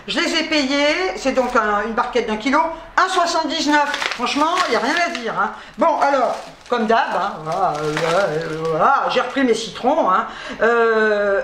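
A woman's voice: fairly high pitch, a bit bright. A woman chatting casually about her grocery haul, joking and laughing often between filler words. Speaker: vlogger. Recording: echoey room, faint noise.

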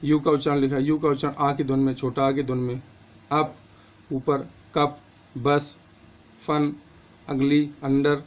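A man's voice: medium pitch, a little mellow. A man teaching English pronunciation and spelling, listing words one by one with their meanings. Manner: slow, patient, lists words with meanings.

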